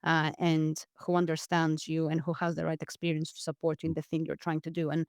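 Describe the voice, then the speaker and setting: A Greek woman appears as a podcast guest in a reflective interview, speaking earnestly and often restarting sentences and repeating words. Her voice sits low, monotone and brisk, in clean studio sound with no echo.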